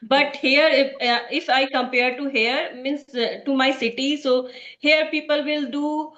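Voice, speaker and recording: Hesitant high-voiced Indian woman, echoey. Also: fairly even intonation, unhurried, a bit bright. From Bihar, India. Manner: hesitant, many fillers and restarts. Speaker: English learner in conversation practice. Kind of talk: casual conversation practice. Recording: echoey, dull lo-fi sound.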